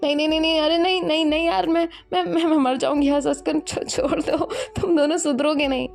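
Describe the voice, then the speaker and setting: A woman's voice: a little high, a little mellow, close to an everyday voice. Woman voicing a teasing, mischievous young woman. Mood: laughing protest. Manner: teasing, bantering, quick.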